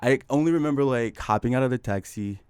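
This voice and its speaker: A man's voice: medium pitch, fast, darkish tone, smooth, no echo. A young man from Chicago telling a rambling story in casual chat, laid-back and full of fillers. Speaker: podcast guest.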